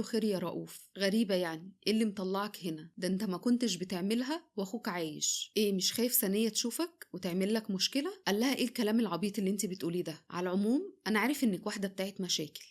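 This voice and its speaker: Egyptian woman narrator, rapid-fire dramatic storytelling voice, middle pitch. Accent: Egyptian Arabic. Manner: rapid, dramatic delivery of quarrels. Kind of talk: first-person story narration acting out dialogue.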